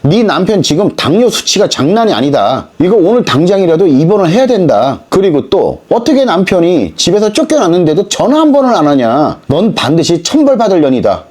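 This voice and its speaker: A sharp-tongued, spiteful woman hurls accusations down the phone in a raised, jumpy voice. She scolds without letting anyone reply, voiced by a male storyteller. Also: sing-song, brisk, few pauses. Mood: scolding. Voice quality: sharp, shrill. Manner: accusing, cursing.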